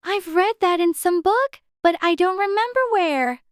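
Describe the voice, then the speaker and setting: Woman playing prim, high-voiced little girl Alice. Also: animated, unhurried, dry recording, studio quality. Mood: polite. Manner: prim, precise, proper diction. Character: Alice, polite, complaining, plucky little girl. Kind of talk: dramatized storybook audiobook acting.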